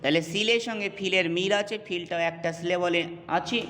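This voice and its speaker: High-voiced man teaching English poetry. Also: steady tone, brisk, sharp tone, in a large hall, slight background noise. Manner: explains step by step, asks checking questions. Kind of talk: classroom lecture on poetry.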